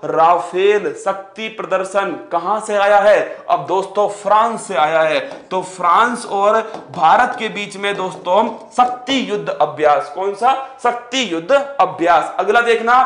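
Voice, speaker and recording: A man's voice: high voice, unhurried, few pauses, a bit bright. A man teaching an exam-prep lecture with energy, firing rhetorical questions and calling his students playful pet names. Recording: echoey room.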